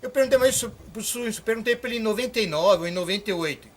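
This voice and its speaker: An older Brazilian orchard farmer, with a high, racing voice over a faint hiss or hum, demonstrates how to mix a farm spray. His hands-on teaching is folksy and encouraging, aimed straight at the viewer.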